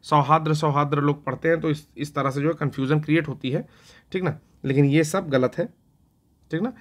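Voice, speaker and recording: A man's voice: on the high side, fairly quick, a little mellow. A man teaches an exam-prep spelling lesson. He talks in an easy, conversational way, keeps checking in with his students and mutters to himself as he writes. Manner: conversational, repeats "theek hai na" often; talks to himself while writing on a board.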